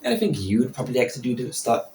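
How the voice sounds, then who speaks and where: A man's voice: medium pitch, sing-song, very fast, darkish tone. A man in his early twenties rambling casually and unscripted as a podcast host, often interrupting himself, recorded in an echoing bathroom. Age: early 20s. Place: small indoor bathroom. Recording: echoing bathroom, some background noise.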